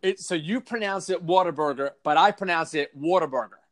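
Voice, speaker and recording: A man with a Long Island accent, co-hosting a podcast in a casual, jokey chat. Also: a little high. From Long Island, New York. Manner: chatty, jokey, quick restarts. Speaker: podcast co-host.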